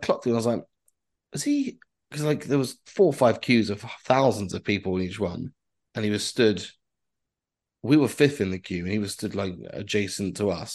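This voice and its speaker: A man's voice: fairly low pitch, a little mellow. A man telling a rambling story in casual podcast chat, full of fillers and swearing. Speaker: podcast co-host.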